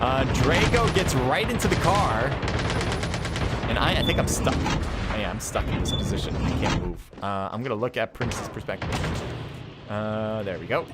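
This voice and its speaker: Male esports caster, middle-pitched, play-by-play with casual self-talk, game gunfire and engines under the voice. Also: heavy background noise. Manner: quick excited calls with chatty self-talk asides. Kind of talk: live play-by-play commentary. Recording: game gunfire and vehicles behind voice.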